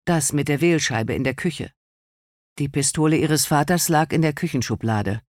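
A man reading a novel aloud as an audiobook narrator, in calm, measured storytelling. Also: on the high side, dry recording, clean studio sound. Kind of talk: scripted narration.

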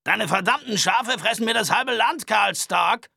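A man voicing a gruff, grey-haired, aggressive cattle baron in a Western audiobook, curt and menacing. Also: high-pitched, big pitch swings, drawn-out words, bright, forceful tone, dry recording, clean studio sound, voice pushed up, heavily acted.

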